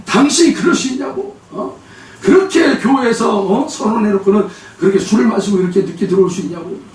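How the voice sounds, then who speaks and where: Man doing a high, scolding angry wife inside a sermon story, loud, echoey church hall, distant mic. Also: expressive, fairly quick, lightly acted. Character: furious wife scolding her husband.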